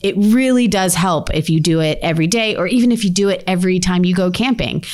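Chatty woman with a low voice. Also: fast, a little mellow. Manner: chatty, laughs often, trails off. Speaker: podcast co-host. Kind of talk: casual chat.

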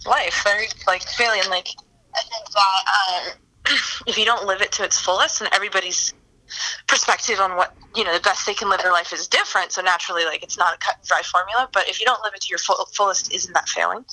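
A woman's voice: mid-range voice, brisk, bright, forceful tone, low-quality recording. A woman calling in on speakerphone, chatting casually and reflecting in an easygoing, thoughtful way. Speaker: phone caller, host's sister. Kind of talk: casual chat.

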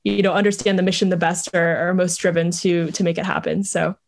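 A woman's voice: lowish voice, little pitch movement, brisk, creaky. A young woman from Vietnam, a startup co-founder, chatting casually as an interview guest, with frequent laughs and fillers.

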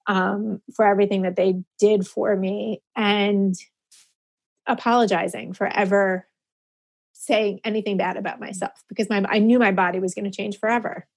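A woman's voice: mid-range voice, steady tone, moderate pace, vocal fry. A woman in her forties talking openly and earnestly as an interview guest, emotional at times. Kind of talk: candid personal conversation.

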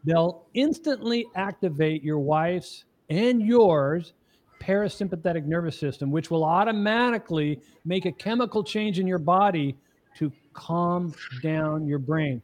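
He's a middle-aged man whose voice sits on the high side, a little mellow and unhurried. Guesting on a podcast interview as a marriage coach, he explains step by step, earnest and emphatic, regularly asking the listener "okay?"

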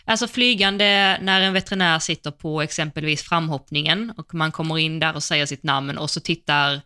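A woman co-hosting a casual podcast with a bright, clear tone and a smooth, polished voice. She talks about riding in a thoughtful, musing way, hedging often and pausing with fillers. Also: deep voice, fairly even intonation, dry recording, studio quality. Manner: thoughtful, hedges with frequent fillers. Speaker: podcast co-host.

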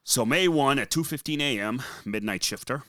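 A man's voice: mid-range voice, lively intonation, moderate pace, fairly bright tone, dry recording. A man with a Boston accent chatting informally as co-host of a podcast, swearing now and then. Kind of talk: casual podcast chat.

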